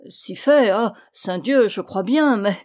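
A woman reading the lines of a greedy, fawning male cousin in an audiobook, effusive and flattering. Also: mid-range voice, slow pace.

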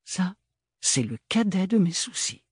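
A reserved young museum keeper in spectacles who speaks flatly and matter-of-factly, a storybook heroine, as a male narrator puts her on. Her lines sit somewhat above the reader's own pitch, husky and dry. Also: a little slow, no echo, heavily acted. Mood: flat, curt. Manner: flat, professional.

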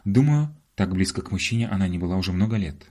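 A man's voice: deep voice, expressive, fast, mellow. A man voicing a witty, sardonic young man with a dry, mocking manner in an audiobook.

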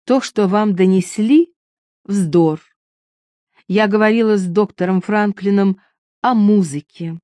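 A woman's voice: mid-range voice, takes it slowly, long pauses, mellow, no room sound, studio quality, lightly acted. A woman voicing a capricious young queen who talks in a teasing, mocking, lightly condescending way.

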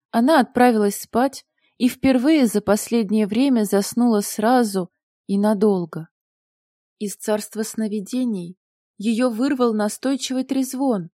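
Warm-voiced woman narrating an audiobook. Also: a little high, dry recording, clean studio sound. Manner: lively, wry storytelling. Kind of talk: scripted narration.

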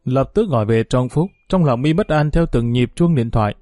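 A man reads a dramatic story aloud with steady, even narration. His tone is dark and mellow, and the recording is close and dry. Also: medium pitch, brisk, dry recording, soft background music. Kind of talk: scripted audiobook narration.

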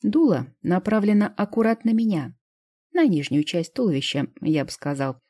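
A woman reading first-person narration from an audiobook in an even, measured way. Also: on the low side, husky.

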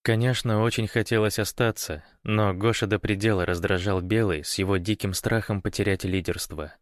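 Male audiobook narrator, low pitch, dry close sound. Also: steady tone, moderate pace, dry recording.

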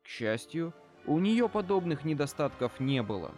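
A man reading an audiobook in even, measured storytelling narration. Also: fairly high pitch, faint music behind. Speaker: audiobook reader.

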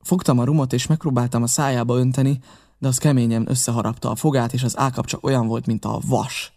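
A man reading a novel aloud in steady, measured narration. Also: medium pitch, vocal fry. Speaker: audiobook reader.

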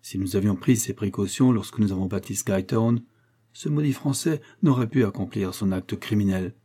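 A man's voice: fairly low pitch, normal speed, dark tone, natural voice. A man voicing a ruthless American billionaire in an audiobook, speaking with bitter scorn and threats of revenge. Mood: scornful. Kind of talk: audiobook character reading.

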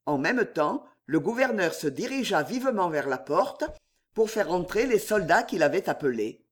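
Male audiobook narrator, high voice with lots of melody, unhurried expressive reading. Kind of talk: scripted novel narration.

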